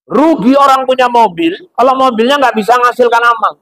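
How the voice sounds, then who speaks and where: A man's voice: extremely high pitch, a little fast, low-quality recording. A man preaching a comic sermon at a mosque gathering, telling stories and acting out everyday dialogues. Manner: animated storytelling that acts out everyday dialogues.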